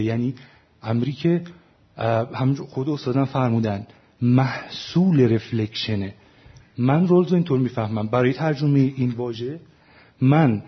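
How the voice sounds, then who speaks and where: A man's voice: medium pitch, breathy edge, dull audio. A man, a translator, explaining his choices in an academic panel discussion, often stopping to correct himself. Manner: explanatory, frequent self-corrections and fillers.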